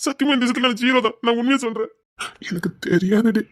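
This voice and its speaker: A man with a Tirunelveli accent playing a remorseful young husband, pleading in a hushed, tearful voice. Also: very high voice, quick pace. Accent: Tirunelveli Tamil. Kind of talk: web drama acting.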